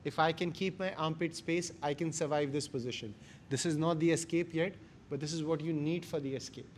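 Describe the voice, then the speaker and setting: Male martial arts instructor, Indian accent, slightly high voice, emphatic short phrasing, live class with some background noise. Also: fairly even intonation, a little fast. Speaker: jiu-jitsu instructor.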